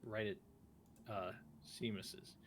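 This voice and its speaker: A man's voice: fairly low pitch, fairly even intonation, drawn-out words. A man chatting casually as a player in a tabletop role-playing game. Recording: clearly noisy background with clicking.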